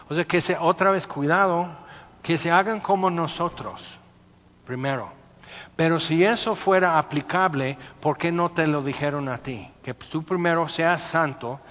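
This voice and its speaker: Pastor preaching in a hall. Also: male voice, on the high side. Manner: animated storytelling, acting out voices. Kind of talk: sermon. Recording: muffled sound with long hall reverb.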